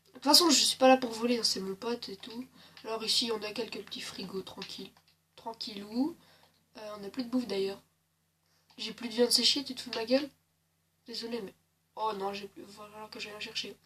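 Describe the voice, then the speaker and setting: Woman gamer host, slightly high voice, slight sore throat, chatty and jokey game walkthrough, faint hum behind. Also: fairly even intonation, brisk, bright, forceful tone. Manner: chatty and joking, with many hesitations. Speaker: gaming channel host. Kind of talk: casual gameplay commentary.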